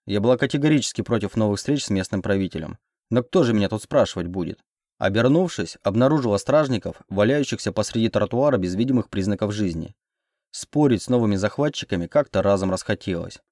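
Low-voiced male audiobook narrator. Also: lively intonation, fast talker, a little mellow, no room sound, studio quality. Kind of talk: first-person audiobook narration.

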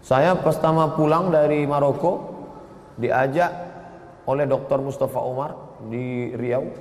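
A man giving a lively sermon, telling stories and breaking into chanted phrases. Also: mid-range voice, measured pace. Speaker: preacher. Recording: echoey hall with faint ambience.

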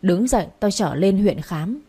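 A woman's voice: medium pitch, lively intonation, unhurried, dark tone, slightly rough. A woman voicing a blunt, commanding young man in a read-aloud story. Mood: stern. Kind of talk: storybook character voice.

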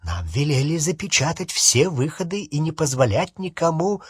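Nervous balding male wizard official, stammering, high and shaky; man voices him. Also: very animated, normal speed, husky, no echo, clean studio sound. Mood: stubborn. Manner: stammering, flustered.

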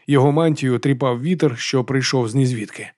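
Male audiobook narrator, fast delivery, dry close studio sound. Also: mid-range voice, no echo. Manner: brisk, steady storytelling. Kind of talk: scripted narration of a dark fantasy novel.

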